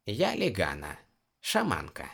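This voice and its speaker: A man's voice: low voice, wildly swooping pitch, unhurried, creaky, a bit bright, slightly rough, full character voice. A male audiobook reader voicing a stern, teasing female shaman healer. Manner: scolding, teasing.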